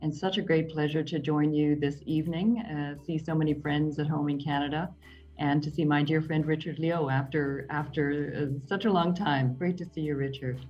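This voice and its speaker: A woman diplomat giving a gracious, warm greeting on a video call. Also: sits low, steady tone, normal speed, soft background music. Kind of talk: brief greeting. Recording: dull lo-fi video call audio.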